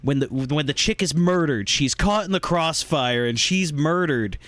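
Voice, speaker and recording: Animated man retelling movie scenes. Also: fairly high pitch, moderate pace, no room sound. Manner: animated, acts out scenes in voices. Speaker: podcast co-host. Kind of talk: casual movie discussion.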